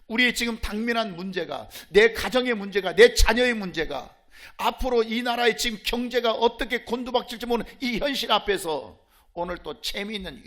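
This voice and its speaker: Impassioned high-voiced male preacher. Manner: impassioned, swings from hushed asides to shouts; rhetorical questions and repeated pleas. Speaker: pastor. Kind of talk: sermon.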